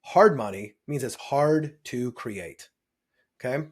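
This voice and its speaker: A man's voice: medium pitch, expressive, slow, slightly rough. A man talking as a guest on an interview podcast, explaining step by step, punching key words and checking in with "right?". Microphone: video podcast mic.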